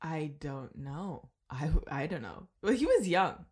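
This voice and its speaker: A woman's voice: low-pitched, sing-song, measured pace, a little mellow. A young woman in her twenties, a guest on a podcast, chatting casually with short, dry replies. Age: 20s. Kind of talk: casual chat.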